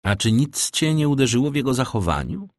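A man voicing a thoughtful, wary young gentleman with a slightly raised, questioning voice, read in an audiobook. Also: mid-range voice, sing-song, a little fast, no room sound, studio quality, voice pushed up, close to an everyday voice.

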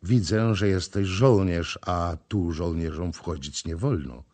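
A man reading the part of a gentle, sad young woman who calls out in a slow, soft, lamenting tone. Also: sits low. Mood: wary.

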